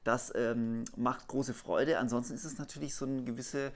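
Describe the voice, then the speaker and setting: A man's voice: mid-range voice, normal speed, creaky. A man co-hosting a board game video, casually tallying scores and making dry jokes. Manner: tallies scores aloud, relaxed and dryly joking. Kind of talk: casual let's play commentary.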